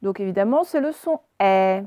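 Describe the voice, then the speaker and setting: A woman primary school teacher giving a recorded phonics lesson to young pupils, speaking slowly and spelling out letters and words at a whiteboard, picked up by her camera's microphone. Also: mid-range voice, expressive, dark tone, no room sound. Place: room with a whiteboard, filmed on her own camera.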